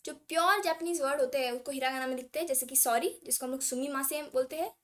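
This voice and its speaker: A woman from India teaching a casual language lesson, mixing English words into her talk and reading syllable charts aloud slowly. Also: high voice.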